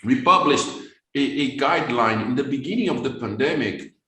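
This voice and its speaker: Speaking English as a second language, a Brazilian vascular surgeon rushes through a webinar lecture, frequently restarting and repeating words. His medium-pitched voice is animated, pushed and bright, and the sound is reverberant.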